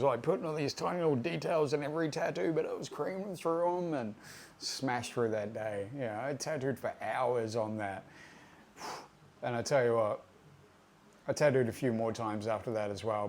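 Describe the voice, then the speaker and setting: A man's voice: medium pitch, darkish tone. A man, casually telling a profane, rambling anecdote about his tattoo mentor, full of fillers and asides. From Australia. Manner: laid-back, profane, conversational with fillers. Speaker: tattoo artist storyteller.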